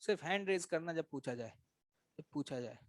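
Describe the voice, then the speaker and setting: Male physics teacher, high-pitched, dry sound, quizzes and ribs the class. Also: lively intonation, fairly quick, dry recording. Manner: quizzes and teases students, addresses them as brothers. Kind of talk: classroom lecture. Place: classroom with students.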